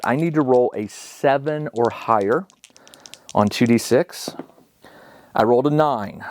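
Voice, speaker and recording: A man's voice: medium pitch, a little mellow, no room sound, clean studio sound. A man casually narrating a solo tabletop game, reading out rules and thinking aloud in a conversational way. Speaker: solo tabletop wargame player and host.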